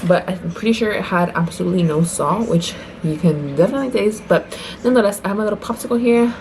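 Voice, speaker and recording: A woman's voice: mid-range voice, quick pace, a little mellow, poor audio. A young woman vlogs from a hospital bed, holding her phone close and chatting in a casual, upbeat way. She sounds tired from labor but stays light and self-deprecating. A faint hum of the hospital room sits under her voice. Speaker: vlogger. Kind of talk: casual vlog narration.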